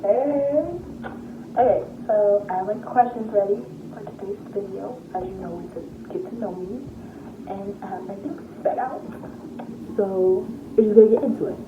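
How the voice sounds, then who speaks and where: A woman's voice: medium pitch, moderate pace. A fifteen-year-old girl from Tennessee, chatting casually as a vlogger, rambling with many fillers. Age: teens, fifteen. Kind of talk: casual get-to-know-me chat. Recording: tinny phone-like sound in an echoey room with noise.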